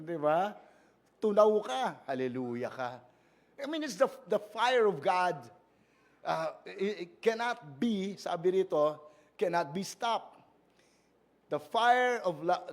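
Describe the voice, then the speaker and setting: A man with a Filipino accent, a pastor giving a playful, conversational sermon and often checking in with the congregation. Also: sits high. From Philippines. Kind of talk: conversational sermon mixing Tagalog and English.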